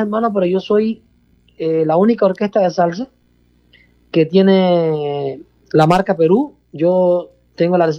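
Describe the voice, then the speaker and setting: Guesting in an interview, this middle-aged salsa bandleader from Cuba talks casually and at length, repeating himself and addressing the host as "hermano," in a Cuban accent. His voice is high-pitched yet dark in tone, with highs cut off in the recording.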